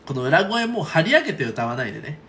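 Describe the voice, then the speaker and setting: A man coaching singers in a relaxed, talkative way, often pausing to check in with his listeners. His speaking voice sits slightly high and moves up and down in a very animated way. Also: slight background noise. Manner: chatty, frequent "right?" and "okay?" check-ins. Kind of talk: casual online singing lesson.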